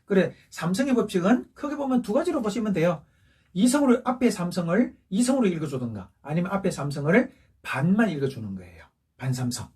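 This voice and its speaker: A man's voice: high voice, sing-song, brisk, darkish tone, breathy edge, far from the mic. A male teacher giving a patient recorded lesson, going over each point again and checking in with rising questions. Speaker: Chinese language teacher. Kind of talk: recorded classroom lesson for seniors.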